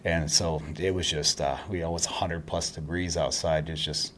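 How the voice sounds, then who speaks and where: Deep-voiced army veteran, low-key storyteller. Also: male voice, level tone, moderate pace, slight background noise. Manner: low-key, trails off quietly with fillers. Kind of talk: casual interview storytelling.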